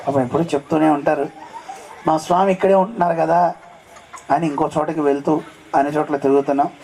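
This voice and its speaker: A man's voice: a little high, fairly even intonation, quick pace, warm tone, slight background noise, rough recording. A man giving a devotional discourse at a temple festival, telling scripture stories and often asking his listeners questions. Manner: asks the audience questions often. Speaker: religious speaker.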